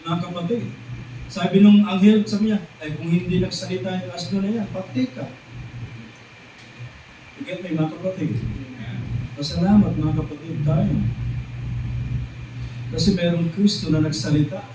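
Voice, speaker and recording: A Filipino-accented man preaches in a fairly high voice, drawing out the scripture he quotes. He sounds far from the microphone in a reverberant church hall. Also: steady tone, background noise. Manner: mixes English scripture with Tagalog, keeps calling the congregation "mga kapatid"; drawn-out, emphatic quoting of lines. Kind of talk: sermon. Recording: echoey church hall recorded from a distance.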